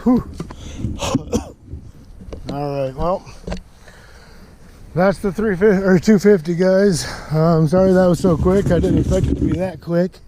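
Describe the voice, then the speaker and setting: A man with a fairly high voice, out of breath, rambling apologetically in a casual vlog. He is recorded outdoors on rural land, with loud vehicle and outdoor noise behind him. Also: fairly even intonation, brisk, hardly any pauses. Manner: rambling, apologetic, many fillers. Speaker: motorbike vlogger.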